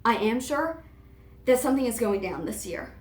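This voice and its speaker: An anxious young woman played by a woman reader confides in a dramatic first-person monologue, conversational yet theatrical. Her voice sits a little high, and the room around it echoes clearly. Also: expressive, normal speed, natural voice. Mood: earnest, pleading. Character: anxious young woman with memory gaps, confessing urgently.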